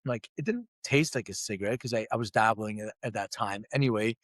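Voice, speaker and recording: Speaking a little fast in a lowish, fairly bright voice, this middle-aged man recounts his life as an interview guest. He is a company CEO from Lithuania who grew up in Philadelphia, and he's open and self-deprecating, performing the voices of people he quotes. There's no echo.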